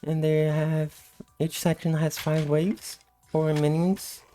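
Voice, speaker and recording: A woman giving casual, unhurried gameplay commentary in a sleepy, just-woke-up morning voice. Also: low voice, little pitch movement, warm tone, soft background music. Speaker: gameplay host.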